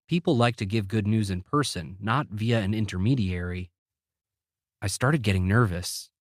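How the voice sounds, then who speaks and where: A man's voice: fairly low pitch, no echo. A man narrating a novel in the first person, with a wry, dry sense of humor. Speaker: audiobook narrator.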